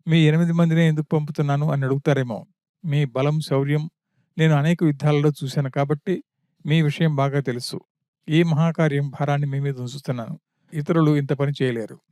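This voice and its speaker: A man voicing an arrogant demon king who boasts and coaxes a captive, read in an even storytelling tone. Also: a little high, brisk, smooth, dry recording, studio quality, natural voice. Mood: commanding.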